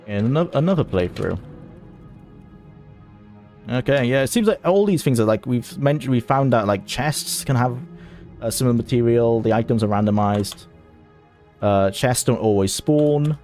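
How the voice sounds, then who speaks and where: A man's voice: medium pitch, a little mellow. A man streaming a video game, chatting casually and thinking aloud in an amused way. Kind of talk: casual gameplay commentary.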